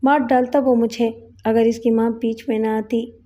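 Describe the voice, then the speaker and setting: A frail old servant on his deathbed, read by a woman confides in a pleading, loyal tone in an audiobook. The voice is soft and mellow and pitched fairly high. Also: steady tone, natural voice.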